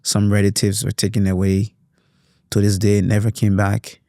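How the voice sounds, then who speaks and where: A man's voice: on the low side, completely flat delivery, normal speed, warm tone, no echo, clean studio sound. A young man with a Liberian accent from Liberia, telling his story earnestly and reflectively as an interview guest, with frequent "you know" fillers. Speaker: youth advocate guest.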